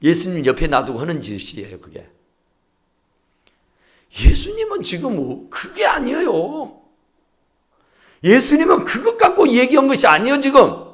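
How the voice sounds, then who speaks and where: A male pastor preaches with wild swings in pitch. His voice sits high and keeps leaping around as he acts out the dialogue. He moves between shouts and near whispers. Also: wildly swooping pitch, moderate pace, pauses often. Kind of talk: sermon.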